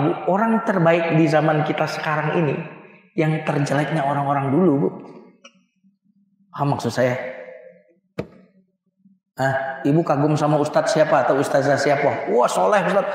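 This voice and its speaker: A middle-aged man giving a casual religious lesson in a mosque, chatting with the audience and often quizzing them. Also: a little high. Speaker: Islamic teacher. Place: large mosque hall. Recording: echoey hall reverb, long.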